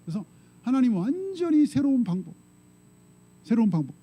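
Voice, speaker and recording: High, sharp-toned Korean pastor preaching. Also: male voice, very animated, a little fast, husky, low-quality recording. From South Korea. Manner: conversational preaching, constant "응?" and "예?" prompts to the congregation. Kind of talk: sermon.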